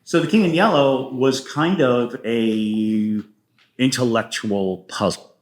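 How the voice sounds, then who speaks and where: In a slow, medium-pitched voice, a male playwright guests on an interview and talks casually about his writing. Along the way he shares anecdotes and slips into quoted dialogue.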